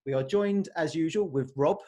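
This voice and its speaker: A man's voice: on the high side, moderate pace, warm tone. A man hosting a casual football podcast, friendly and rambling, laughing easily. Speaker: podcast host.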